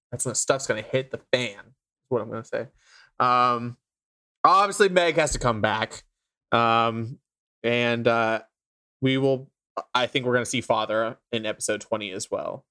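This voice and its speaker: Male podcast co-host, casual and rambling, mid-pitched voice, lots of ums. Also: pushed and bright. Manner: rambling, many fillers.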